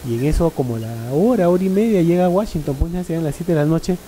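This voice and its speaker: Man, middle-aged, very dark mellow voice, slightly high pitch, rambling anecdotes, filler-heavy panel talk. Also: fast, slight background noise, rough recording. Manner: rambling storyteller, frequent "¿no?" and "este" fillers. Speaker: panel speaker.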